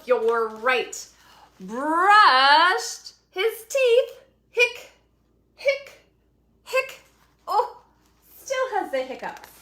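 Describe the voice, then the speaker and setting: A woman librarian reads picture books to little kids, her bright high voice swooping up and down in a sing-song lilt. She takes her time and keeps asking the children questions. The sound carries a roomy echo from a room at home. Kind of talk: virtual storytime for young children.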